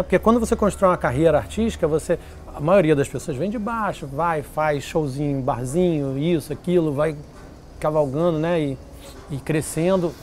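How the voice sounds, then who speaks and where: A man telling stories in an interview, lively and acting out what others said. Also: on the high side, slight background noise. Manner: animated, acts out quoted voices. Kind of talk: casual storytelling interview.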